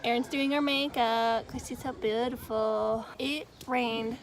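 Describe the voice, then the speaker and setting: A woman's voice: fairly high pitch, steady tone, unhurried. A young woman barrel racer talking casually to the camera in a horse trailer, chatty and self-deprecating. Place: horse trailer during heavy rain. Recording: noisy, with rain and outdoor clatter.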